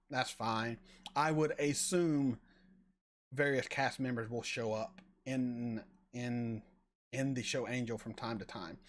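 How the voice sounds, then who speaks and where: A man in his forties chatting casually on a live stream, answering viewers and often stumbling over repeated words. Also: mid-range voice. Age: 40s. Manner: rambling, halting with repeated words. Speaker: reaction channel host reading chat.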